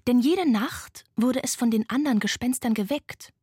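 A woman narrating a children's bedtime story in a gentle, expressive, often hushed way, with a breathy voice. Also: a little high, normal speed, no room sound, clean studio sound.

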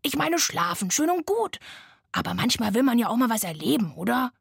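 A woman voicing a grumpy but easygoing sloth in a bedtime story, with gruff, slangy, drawling speech. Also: on the high side, very animated, brisk, no room sound, studio quality, heavily acted. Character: grumpy, laid-back lazy sloth.

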